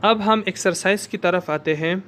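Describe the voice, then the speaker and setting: A man whose first language is Urdu, teaching a language lesson and drilling words slowly one at a time for the listener to repeat. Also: sits high, sharp tone. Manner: slow, careful word-by-word pronunciation drills. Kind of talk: slow spoken lesson with repeat-after-me drills.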